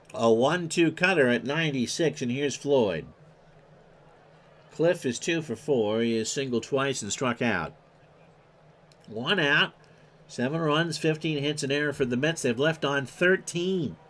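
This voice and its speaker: Bright-voiced man calling a replayed ballgame. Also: medium pitch, measured pace. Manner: reels off stats in clipped lists, erupts on big plays. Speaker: play-by-play announcer of a replayed game. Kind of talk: play-by-play commentary. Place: home streaming setup.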